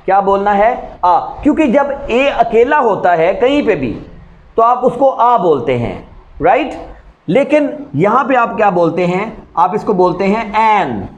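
A man's voice: high-pitched, lively intonation, unhurried. A man teaching an English grammar lesson, explaining step by step and quizzing his students with questions. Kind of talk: spoken English grammar lecture. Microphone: recording a lesson video.

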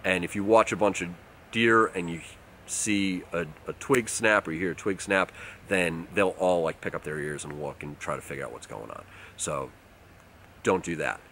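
A man, casually explaining outdoor tips to the camera in a relaxed way, recorded outdoors in a forest. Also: low voice, normal speed, slight background noise. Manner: relaxed, explanatory, uses fillers like um and like. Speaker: outdoors channel host. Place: outdoors in a leafy winter forest.

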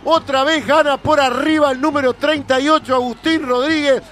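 A man's voice: very high-pitched, steady tone, normal speed, a bit bright, slight background noise. A Uruguayan man giving emphatic colour commentary on a live radio football broadcast.

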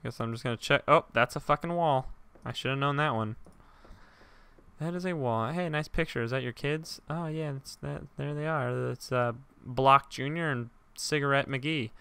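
A young man giving let's-play commentary, joking, swearing and shouting as he reacts to the game. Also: mid-range voice, gravelly, clean tone, no room sound. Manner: jokey, profane, quick to shout. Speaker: gaming YouTuber.

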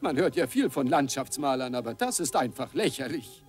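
A man's voice: mid-range voice, sing-song, normal speed, natural voice. A man voicing a sarcastic, grumbling talking horse making mocking asides in a dubbed cartoon. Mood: mocking amusement. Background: music.

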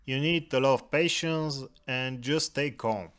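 A man giving calm voice-over narration for a walk with his cat, with a dry, gently humorous manner. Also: medium pitch, measured pace. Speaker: cat vlogger narrating a hike.

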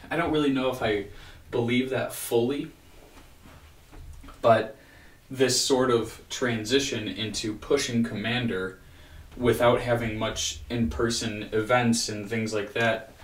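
A man's voice: medium pitch, a little hiss or hum. Weary man ranting in an echoey room. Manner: weary, frustrated, halting with sighs and restarts. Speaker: vlogger. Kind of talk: casual rambling video-diary rant. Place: small home room with bookshelf, indoors. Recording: roomy echo, distant microphone.

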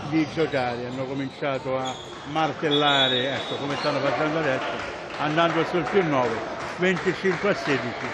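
A man giving live handball commentary, pausing as he searches for names and words. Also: fairly high pitch. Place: indoor sports hall, at courtside. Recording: loud sports hall noise, bouncing balls. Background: loud gym ambience and ball bounces.

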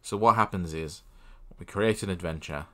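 A young man casually playing a text adventure, reading the game's text aloud and adding deadpan, self-mocking asides at a desk mic. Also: low voice, moderate pace. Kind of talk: casual let's-play commentary.

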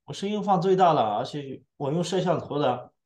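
A man's voice: a little high, lively intonation, a little fast, darkish tone. Man repeating sound checks on a call. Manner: repeats himself, fussing over the connection. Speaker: panelist joining remotely. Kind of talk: casual audio check. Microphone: phone on a video call.

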